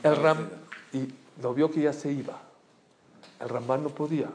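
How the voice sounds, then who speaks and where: Rabbi, lively storytelling class, slightly high voice, faint background noise. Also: male voice, moderate pace. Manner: animated, asks listeners questions. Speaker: rabbi teaching a Torah class. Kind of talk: storytelling Torah lesson to a small group.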